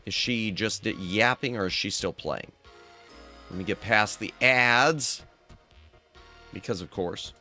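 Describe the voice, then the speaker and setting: A man's voice: on the low side, slow pace, pauses often, sharp tone, faint music behind. A man livestreaming, tired and straining his throat, chatting casually in a playful, rambling way and humming to himself. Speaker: streamer.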